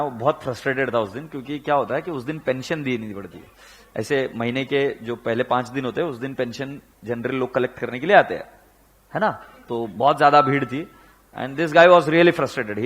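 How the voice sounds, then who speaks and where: An accounts lecturer with a mid-range voice and an Indian accent from the Pune area tells animated anecdotes, acting out the people in them and firing rhetorical questions at his students. His storytelling lecture mixes Hindi and English.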